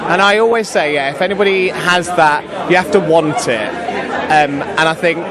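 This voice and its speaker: A man's voice: on the high side, normal speed, crowd noise. A young British man, an actor, chatting casually and enthusiastically in an interview. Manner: enthusiastic, gushing. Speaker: pantomime actor and singer.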